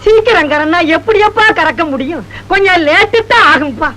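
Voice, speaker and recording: A man's voice: very high voice, lively intonation, normal speed, bright, forceful tone, exaggerated voice, low-quality recording. An actor playing an aging village father who rambles, pleads and grieves for his runaway son, in a film scene. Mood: rambling. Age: older. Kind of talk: Tamil film acting. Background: film score.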